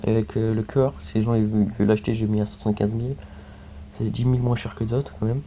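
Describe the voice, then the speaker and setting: A French gaming YouTuber plays a mobile game with casual, rambling let's-play commentary, packed with fillers and repeated tags. His lowish voice is fast and fairly flat in pitch, recorded on a phone screen recording mic with dull lo-fi audio and faint hiss.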